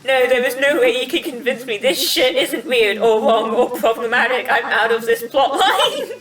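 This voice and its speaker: A woman's voice: fairly high pitch, lively intonation, moderate pace, fairly bright tone, distant mic, faint music behind, low-quality recording. A woman from the UK who giggles often and swears casually while reading game text aloud during a gaming livestream. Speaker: streamer.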